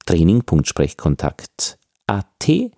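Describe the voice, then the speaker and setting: A man from Austria with an Austrian accent, giving a podcast pronunciation lesson as a speech trainer and demonstrating sounds slowly. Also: sits low, gravelly, no room sound, clean studio sound. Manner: explains with lively emphasis, demonstrates sounds slowly.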